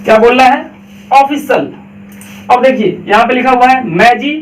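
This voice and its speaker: High-voiced man teaching in an echoey room. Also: a little fast, recorded from a distance. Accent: Indian, Bihar. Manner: explains step by step, asks and answers his own questions. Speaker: English teacher. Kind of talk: classroom pronunciation lesson.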